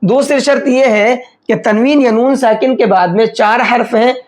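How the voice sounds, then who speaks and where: A man teaching Quran recitation rules step by step. He asks questions aloud and answers them, and he slows right down to recite the example words. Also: very high voice. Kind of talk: step-by-step tajweed lesson.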